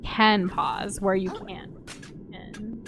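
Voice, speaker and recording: A woman's voice: medium pitch, extremely slow, gravelly, fairly bright tone. A woman with a playful, giggly manner, chatting casually and reading viewer comments as co-host of a game livestream. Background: music.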